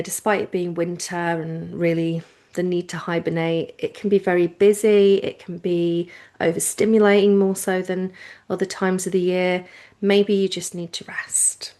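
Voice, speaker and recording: A woman with a lowish voice leads a guided yoga nidra relaxation, keeping her instructions informal, gentle and reassuring, delivered slowly with pauses.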